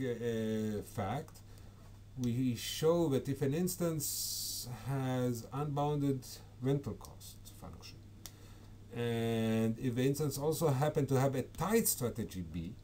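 A man's voice: medium pitch, dark tone, a little hiss or hum. A man giving an academic conference talk over slides, hesitant, with frequent fillers and self-corrections. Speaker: conference presenter.

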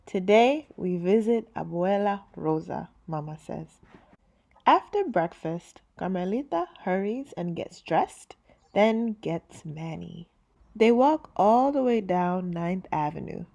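A woman reading a children's picture book aloud, switching into high little voices for the greetings. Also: very animated, takes it slowly, creaky, a little mellow.

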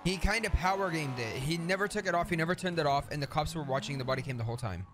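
A woman's voice: sits low, expressive, fast, over music. A woman streaming a game, giving slangy commentary and laughing often. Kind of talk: live gameplay commentary. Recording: game sound noise behind the voice.

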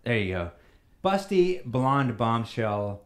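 A man's voice: medium pitch, slow. A man hosting a podcast, chatting casually and cracking jokes with his co-hosts. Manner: joking, animated banter. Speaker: podcast host. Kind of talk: casual chat.

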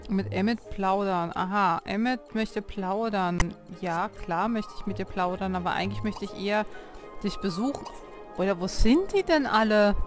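A woman's voice: medium pitch, normal speed. A woman hosting a life-sim let's play, chatting casually, talking to her game characters and reading menu options aloud. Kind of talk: casual gameplay commentary. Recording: clear game music behind the voice.

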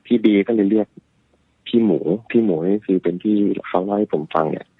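A man's voice: fairly low pitch, steady tone, brisk, breathy edge, dry recording. A man calling in to a radio show and casually telling a ghost story he heard from someone else, sometimes acting out frightened voices. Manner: acts out frightened voices in quotes. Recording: tinny phone line.

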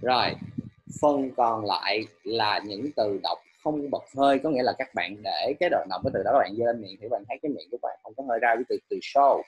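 Husky man teaching primary English. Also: fairly low pitch, expressive, highs cut off. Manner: patient, repeats words slowly for pupils. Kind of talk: online lesson, explaining in Vietnamese with English examples.

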